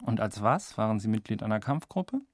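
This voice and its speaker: A male radio journalist asks polite, probing questions on a phone call. His voice is a little low, recorded dry and close with no room sound. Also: animated, fairly quick, no echo. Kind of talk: phone interview.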